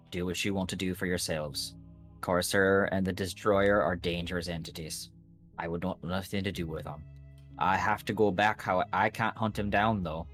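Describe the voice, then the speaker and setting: A man playing a weary, guarded agent in a tabletop game, speaking in a grave, measured, cautioning way. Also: deep voice, a bit bright. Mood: firm, cautioning. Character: weary, guarded male agent warning adventurers off.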